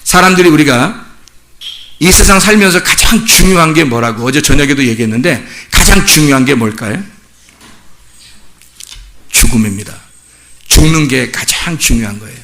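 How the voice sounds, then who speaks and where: A middle-aged man preaches with a lively, swooping delivery and a fairly high voice. He tells vivid everyday stories and keeps asking the congregation questions. His tone is bright and forward. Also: slight background noise. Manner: animated storytelling, acts out children's voices in high pitch. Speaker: pastor. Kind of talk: sermon.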